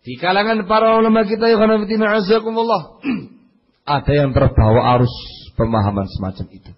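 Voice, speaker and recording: A man preaching a religious lecture, telling stories animatedly, swinging between loud lines and murmured asides. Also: high-pitched, expressive, fairly quick, big-room sound, a little hiss or hum. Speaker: Islamic preacher. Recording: dull lo-fi lecture recording.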